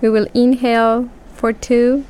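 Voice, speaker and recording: A woman guiding a relaxation breathing exercise, speaking calmly and counting breaths aloud with long pauses. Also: fairly high pitch, clean tone, poor audio. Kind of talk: guided relaxation script.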